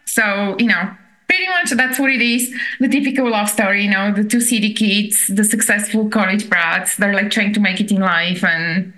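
A woman's voice: mid-range voice, moderate pace, pushed and bright, low-quality recording. Woman with a thick Bulgarian accent. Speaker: podcast guest. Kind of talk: casual chat.

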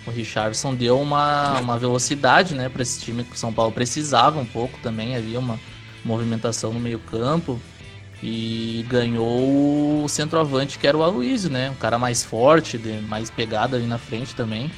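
A man with a gaúcho accent talking casually about sport in a relaxed conversation. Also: mid-range voice, moderate pace. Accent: southern Brazilian, gaúcho. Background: music under the talk.

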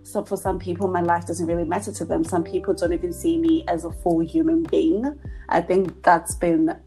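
Measured woman from Zimbabwe, podcast co-host, low pitch, casual chat. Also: little pitch movement, mellow, soft background music.

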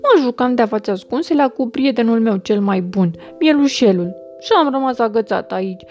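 A woman's voice: lively intonation, darkish tone, muffled recording, faint music behind, lightly acted. Woman doing a tearful little lamb. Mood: anxious. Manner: high, pleading. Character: small anxious female lamb, tearful.

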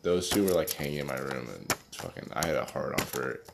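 A young man chatting casually with a friend, relaxed, slangy and swearing freely. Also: extremely low pitch, brisk, creaky. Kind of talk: casual chat. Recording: background noise.

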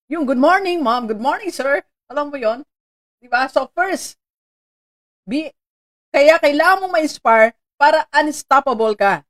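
A Filipino woman hosting a live-streamed motivational talk, chatty and animated, laughing often and greeting viewers by name. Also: high voice. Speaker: motivational host.

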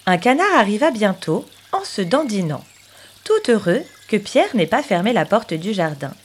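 A woman narrating a children's story in an expressive, animated storybook manner. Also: medium pitch, normal speed, husky.

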